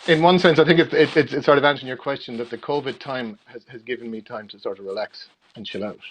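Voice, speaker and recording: A middle-aged Irish man from Galway, a freelance theatre production manager, answers interview questions as a guest. His mid-range voice moves fast, and he rambles conversationally, often repeating words as he explains. The recording is rough, with slight background noise.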